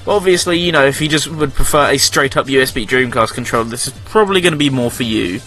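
Bright-voiced man rambling through news. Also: medium pitch, fast. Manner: rambling, self-correcting, joking sarcasm. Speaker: radio show host. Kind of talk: casual news roundup chat.

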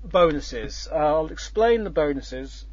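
A man with a slightly high voice hosts a casual chat explaining how a contest is scored. He's animated yet unhurried, rambling with lots of ums and restarts and the occasional tease. The sound is dull and lo-fi.

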